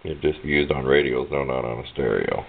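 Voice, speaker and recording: A man's voice: rumbling low, fairly even intonation, fairly quick, gravelly. A plainspoken, rambling man giving an informal hands-on walkthrough of a DIY project, recorded indoors on a handheld camera mic. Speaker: DIY electronics hobbyist and presenter. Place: indoors at a home workbench. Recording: muffled, narrow phone-like camera audio.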